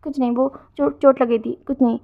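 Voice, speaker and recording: A woman's voice: high-pitched, fairly even intonation, fairly quick, gravelly. A woman voicing a lovestruck young man who pleads in tears, stammering and repeating words. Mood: pleading. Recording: dull lo-fi recording.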